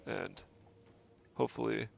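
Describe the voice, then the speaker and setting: This game streamer's voice is fairly low, gravelly and steady, and he takes his time. Stuffed up from a cold, he gives laid-back commentary, musing aloud and fixing his own slips, while faint game music plays under dull lo-fi audio.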